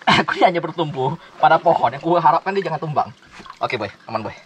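A man's voice: a little high, expressive, fast talker, a bit bright, a little hiss or hum. Chatty man vlogging outdoors. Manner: chatty, says "boy" constantly, playful joking. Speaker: travel vlogger. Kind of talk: casual outdoor vlog narration. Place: outdoors in the forest by a river.

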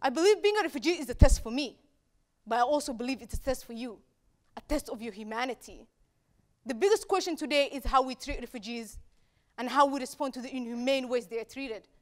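On the darkened stage of an auditorium, a young woman from Somalia presents a prepared speech at a campus talk event. Her high voice is expressive, and she repeats key phrases for effect, pausing deliberately between them.

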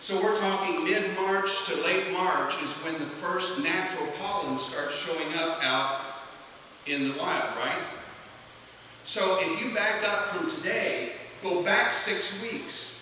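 Bright, echoey man lecturing from far off. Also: sits high, slow. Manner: energetic, asks the audience questions. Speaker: beekeeping instructor. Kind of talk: classroom lecture. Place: meeting room with an audience. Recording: echoey hall from far off, hiss.

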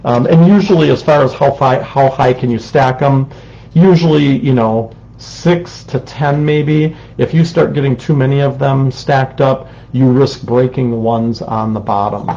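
A man's voice: medium pitch, a little slow, mellow, dull audio. A man teaching a ceramics lesson on a live stream, chatty and explanatory, with lots of ums, talking at a desk microphone with a fan running in the room. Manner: chatty, explanatory, says um often. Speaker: ceramics instructor. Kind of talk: live-streamed craft demonstration. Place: indoor studio with a fan running. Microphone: desk microphone, sitting close.

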